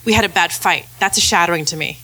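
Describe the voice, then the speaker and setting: A woman's voice: fairly low pitch, fast talker, sharp tone. A woman co-hosting a talk show, telling personal stories in a candid, self-mocking way. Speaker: podcast co-host. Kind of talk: casual personal storytelling.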